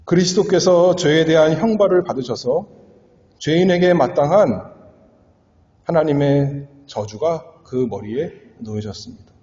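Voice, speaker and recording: A man's voice: fairly high pitch, unhurried, warm tone. A male pastor delivering an earnest expository sermon, swelling and dropping for emphasis. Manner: earnest, dramatic swells and drops. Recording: echoey hall, dull lo-fi sound.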